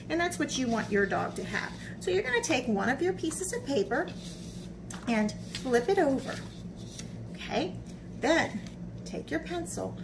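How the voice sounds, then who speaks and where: This children's art teacher and storybook reader has a voice on the high side, heard over a noisy background. She leads young kids through a read-aloud and craft lesson, keeping explanations simple and asking small check-in questions.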